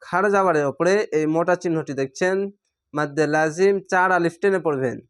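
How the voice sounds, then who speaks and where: A man leads a slow, methodical Quran reading lesson, breaking each word into letters and vowel marks before joining them. His voice sits a little high and comes across smooth and clear. He repeats each rule patiently for his students. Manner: patient, spells syllables letter by letter and repeats rules. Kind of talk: slow spelled-out recitation lesson.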